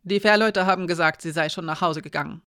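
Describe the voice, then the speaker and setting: The narrator voicing a restless young woman guard who pleads urgently and loudly. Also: lowish voice, fast, natural voice. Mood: urgent, pleading. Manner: pleading, agitated, talks loud.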